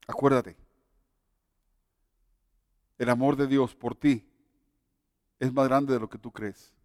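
A man's voice: medium pitch, fairly even intonation, slow pace, darkish tone, no room sound, clean studio sound, in a large hall. A man preaching a sermon and telling his own testimony, earnest and exhorting.

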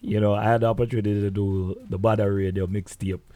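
A man's voice: lowish voice, little pitch movement, fast talker, mellow, no echo. A man hosting a radio show in casual interview chat, often repeating words as he goes.

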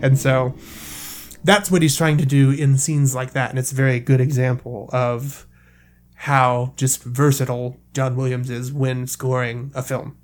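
A man's voice: medium pitch, little pitch movement, a little slow. A man co-hosting a podcast, explaining film music in a casual, filler-heavy way with some swearing. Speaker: podcast co-host.

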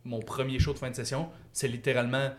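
A man's voice: medium pitch, level tone, quick pace, slight background noise. A young man with a Quebec French accent chatting casually as a comedian guest, in loose colloquial slang. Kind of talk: casual podcast chat.

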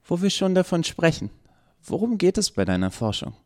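A man's voice: high voice, sing-song, normal speed, a little mellow, pitched above the performer's own voice. A man voicing a curious, blunt young woman in hospital who asks direct, puzzled questions.

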